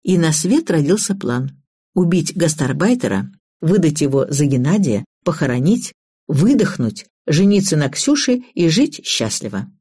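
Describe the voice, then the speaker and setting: A woman narrates a first-person audiobook in an even, matter-of-fact tone. Her voice is low and husky, with a mellow, dark colour. The recording is dry and close. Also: moderate pace, no room sound.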